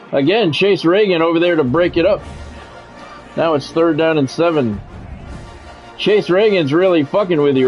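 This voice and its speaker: A sports video game streamer and commentator speaks in a slightly high, darkish male voice. He calls a football video game in short, clipped phrases, adding casual, dry, blunt asides, over a dull lo-fi mic with faint noise.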